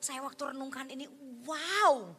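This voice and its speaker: High-voiced woman pastor preaching. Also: measured pace. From Indonesia. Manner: animated preaching, acts out parent and child voices; drops to a soft near-whisper at times. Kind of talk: sermon. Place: church. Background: background music.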